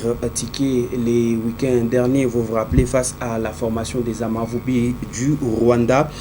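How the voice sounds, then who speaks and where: A man presenting sports news on television in a halting, hesitant way. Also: mid-range voice, warm tone, slight background noise.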